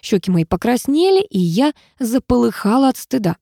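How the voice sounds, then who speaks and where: A woman narrating an audiobook in lively first-person storytelling. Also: fairly high pitch, normal speed, creaky, no echo, clean studio sound.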